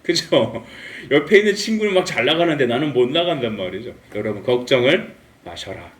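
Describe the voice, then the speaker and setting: A male pastor preaching a Sunday sermon in a church, lively and humorous, acting out the characters' lines. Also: mid-range voice, brisk. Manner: animated, acts out dialogue with humor. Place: church sanctuary. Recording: echoey room, mic at a distance.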